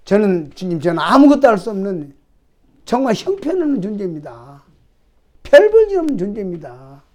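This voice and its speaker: Male pastor, high-pitched voice, conversational sermon delivery with rhetorical questions. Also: very animated, normal speed, a little mellow. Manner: conversational preaching, frequent rhetorical questions to the congregation; acts out prayers and imagined dialogue with God.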